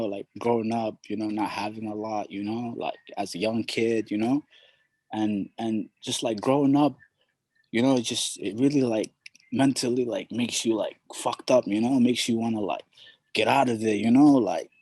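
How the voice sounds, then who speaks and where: A young man from Somalia, a hip hop artist, speaking in a laid-back, halting way full of fillers. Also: mid-range voice, darkish tone, slightly rough, dry recording. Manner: laid-back, halting, constant "you know". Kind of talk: casual interview.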